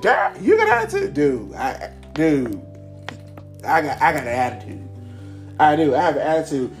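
A man hosting a casual motivational talk, rambling and slangy, often repeating himself. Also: fairly high pitch. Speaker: podcast host.

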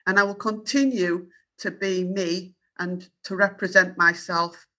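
Her voice is on the low side, bright and forceful, with fairly even intonation and a slightly slow pace. This Yorkshire-accented journalist in her fifties is a guest in an interview, answering questions earnestly, firmly, and with self-assurance.

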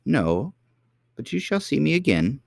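A man voicing a kindly, very old queen who is the girl's great-great-grandmother, speaking gently and patiently. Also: a little high, sing-song, measured pace, creaky, no room sound, clean studio sound, voice pushed up, exaggerated voice. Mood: gentle.

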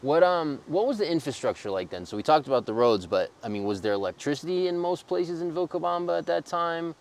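A man's voice: fairly high pitch, big pitch swings, a little fast. A man hosting a casual, conversational interview. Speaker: interviewer, host.

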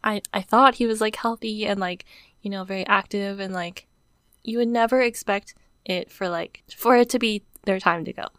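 Teary young woman, soft and dry. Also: mid-range voice, fairly even intonation, normal speed, no echo. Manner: says "like" constantly, emotional and on the verge of tears. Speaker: podcast co-host. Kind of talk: casual chat.

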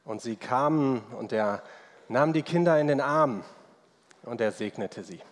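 Guy pastor in his 30s preaching slow, chatty and personal, lots of rhetorical questions, long church echo. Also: mid-range voice. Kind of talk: sermon. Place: church service. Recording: long reverb from a church hall.

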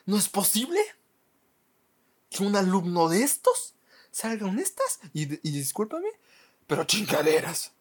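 A man's voice: sits high, big pitch swings, unhurried, pauses often, exaggerated voice. Mexican man mimicking a fed-up swearing teacher. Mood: exasperated. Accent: Mexican Spanish. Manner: exasperated, swearing. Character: scolding schoolteacher woman, fed up.

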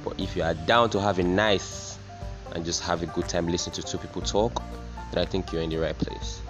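A man introducing his podcast in a relaxed way, with many pauses and ums. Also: deep voice. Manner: laid-back, lots of ums. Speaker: podcast host. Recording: dull lo-fi audio, faint music behind.

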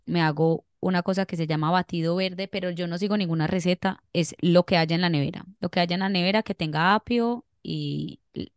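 Chatty Colombian woman, smooth voice. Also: mid-range voice, no room sound, clean studio sound. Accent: Colombian Spanish. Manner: chatty, laughing, rambling storyteller. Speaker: podcast co-host. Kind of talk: casual chat.

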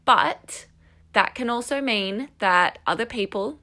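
A woman's voice: a little high, takes it slowly, bright, forceful tone. Woman podcasting through a headphone mic. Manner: earnest, conversational, encouraging. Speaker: podcast host and coach. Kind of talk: solo podcast talk to listeners. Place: room at home. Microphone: headphones used as microphone.

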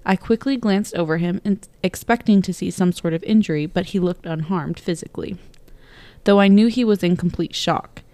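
A woman's voice: fairly low pitch, normal speed, warm tone, no echo. A middle-aged woman co-hosting a podcast, chatting bluntly and reading stories aloud, swearing casually and laughing often. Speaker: podcast co-host.

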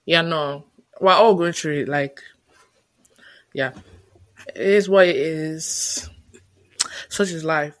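A woman co-hosting a podcast, chatting casually with a playful, teasing edge and bursts of mock exasperation. Her voice sits at a middle pitch and is recorded close and dry, with no room sound. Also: slow, pauses often, no echo. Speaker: podcast co-host. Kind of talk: casual chat.

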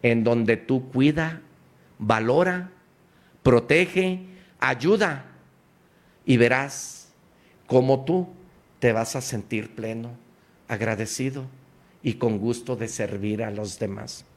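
A man's voice: mid-range voice, takes it slowly, long pauses. A man giving a preachy, emphatic motivational radio talk, speaking straight to the listener.

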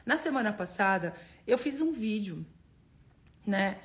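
A Brazilian woman in her thirties, a wellness coach talking casually and affectionately on a livestream, laughing often and breaking into loud cheers. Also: mid-range voice, expressive, measured pace. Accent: Brazilian Portuguese. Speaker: wellness coach live-streaming to followers. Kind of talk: casual motivational livestream talk.

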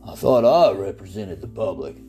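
Man voicing a deep, slow, dry old judge; stern. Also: big pitch swings, dark tone, soft background music.

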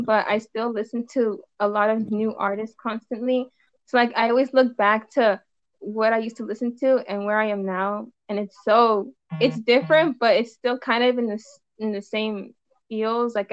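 A woman's voice: on the high side, no echo. Young LA woman, musician guest, rambling casual chat, muffled dry recording. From Los Angeles, USA. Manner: rambling, many "like"s and trailing restarts.

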